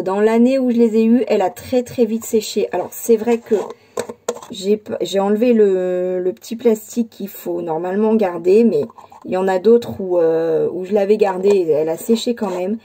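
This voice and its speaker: Speaking at a moderate pace in a mellow, medium-pitched voice, this scrapbooking channel host presents a handmade album she made. It's a casual crafting show-and-tell, and she hesitates often, filling gaps and starting over.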